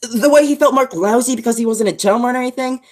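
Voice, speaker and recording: A woman's voice: on the high side, fast talker, a little mellow, natural voice. A woman playing a sensitive, thoughtful teenage greaser boy in a school play, with an earnest, reflective delivery. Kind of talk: school play read remotely.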